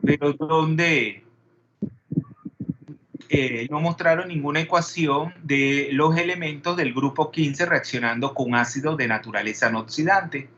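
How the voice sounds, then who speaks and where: A man's voice: on the high side, unhurried, a bit bright, dull audio, slight background noise. A man teaching a chemistry class, peppering students with questions and wandering into digressions. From Panama. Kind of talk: classroom lecture.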